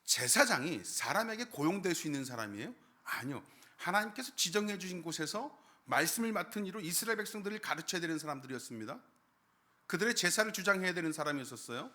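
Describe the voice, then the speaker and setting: Animated pastor preaching with wide swings. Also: male voice, sits high. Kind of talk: sermon. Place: church sanctuary.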